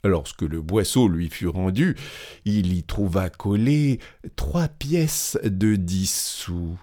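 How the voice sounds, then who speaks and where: Slow, low-voiced male storyteller. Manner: measured, expressive. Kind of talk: storybook narration.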